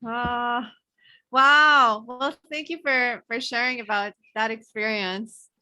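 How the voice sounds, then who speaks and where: A woman hosting a casual podcast interview, eager and quick to laugh. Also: fairly high pitch, steady tone, bright, forceful tone, no room sound. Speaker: podcast host.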